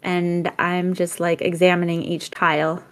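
A woman's voice: fairly low pitch, completely flat delivery, measured pace. Woman, podcast co-host, casual and reflective, laughs readily. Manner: reflective, laughs often, many restarts. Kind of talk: casual conversation.

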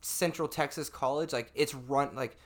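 A man's voice: mid-range voice, moderate pace, noisy background. A young man in casual podcast chat, joking around, swearing casually and laughing between lines.

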